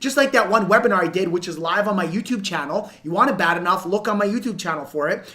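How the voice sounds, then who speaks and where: A woman's voice: on the low side, quick pace, bright, forceful tone. Emphatic woman coaching viewers. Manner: emphatic, repeats points, acts out example dialogue. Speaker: sales coach and video host. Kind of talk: unscripted instructional commentary to viewers.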